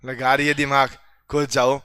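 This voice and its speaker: A man's voice: medium pitch, flat delivery, normal speed, sharp tone, clean tone, dry recording. A male teacher quizzing his students in a classroom, teasing and joking with them as he goes, with a Rajasthani Hindi accent.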